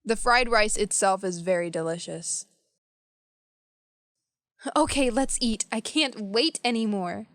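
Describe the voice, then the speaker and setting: A woman speaking slowly and carefully in a scripted beginner English dialogue. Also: medium pitch, a bit bright, dry recording, studio quality.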